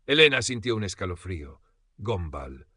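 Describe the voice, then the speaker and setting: Bright, low-voiced male narrator. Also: big pitch swings, moderate pace, breathy edge, no room sound, clean studio sound. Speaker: audiobook narrator. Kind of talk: scripted narration.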